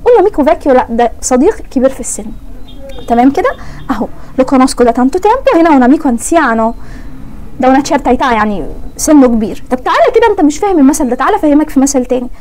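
A woman's voice: sits high, very animated, racing, darkish tone, poor audio. A young woman with an Egyptian Arabic accent teaching an Italian grammar lesson, playfully asking and answering her own questions.

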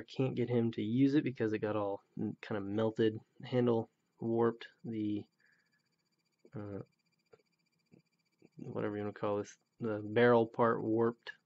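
A man's voice: mid-range voice, darkish tone. A man in his thirties reviewing an action figure in a blunt, grumbling, critical way, on a dull lo-fi recording. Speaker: toy reviewer. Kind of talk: casual product review.

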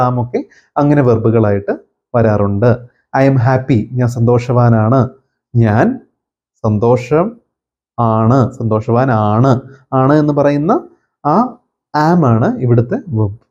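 A man's voice: mid-range voice, mellow, highs cut off. A man with a Malayali accent teaching English grammar, patiently repeating points and checking that listeners follow. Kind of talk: explanatory lesson.

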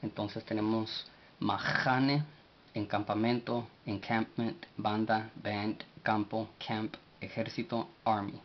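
A man giving a vocabulary lesson, spelling words out letter by letter and pausing often with fillers. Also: fairly low pitch, little pitch movement. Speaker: language teacher. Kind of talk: slow spoken vocabulary lesson. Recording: dull lo-fi recording with faint hiss.

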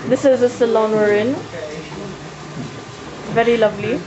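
A woman's voice: on the high side, steady tone, normal speed. A young woman casually narrating a home video in a hair salon, teasing and giggly. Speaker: person filming the video. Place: busy hair salon indoors. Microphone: handheld camcorder mic. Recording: dull camcorder audio with salon crowd.

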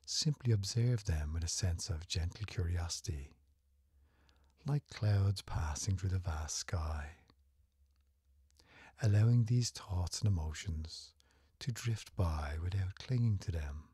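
With an expressive, low and mellow voice that is very breathy and often close to a whisper, a man leads a guided meditation. The pacing is slow, gentle and soothing, never hurried, and there is no room sound.

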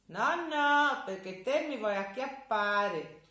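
Woman voicing a tiny cheeky Tuscan boy, shrill and squealing, bright, echoey room. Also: animated, slow pace, full character voice. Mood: wary.

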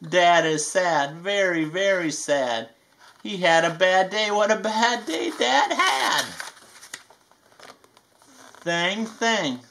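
A performer voicing a playful, folksy bayou alligator with a Southern US accent, reading a children's picture book aloud with drawn-out emphasis. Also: medium pitch, lively intonation, fairly bright tone, a little hiss or hum.

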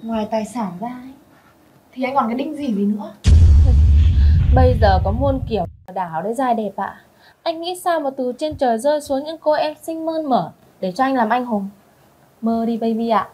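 An actress playing a scheming young female swindler who taunts her victim in a slow, scornful drawl. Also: on the high side, expressive, noisy background, natural voice. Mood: mocking. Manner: taunting, drawn-out scornful delivery. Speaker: con artist in short film. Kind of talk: melodramatic short-film acting. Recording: music bed underneath.

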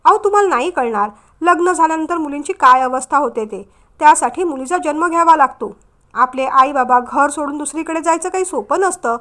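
Woman doing scheming young wife, coaxing, persuasive, audiobook drama, high-pitched. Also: brisk, fairly bright tone. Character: scheming young sister-in-law, soothing outside.

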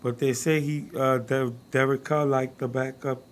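A man's voice: medium pitch, little pitch movement, moderate pace. A man co-hosting a sports podcast, chiming in with short profane agreements and remarks. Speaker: podcast co-host. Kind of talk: casual sports talk.

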